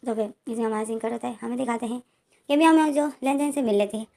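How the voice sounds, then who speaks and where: Mellow-voiced woman retelling a story. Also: a little high, rapid-fire, creaky. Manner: rambling, with many "to phir" links and "uh" fillers.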